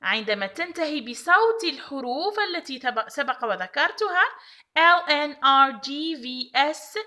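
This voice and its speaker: A woman's voice: sits high, big pitch swings, a little slow, bright, forceful tone. A woman teaching an English pronunciation lesson, repeating each example word and often checking in with the class. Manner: checks understanding with frequent rising "okay?". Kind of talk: recorded online language lesson.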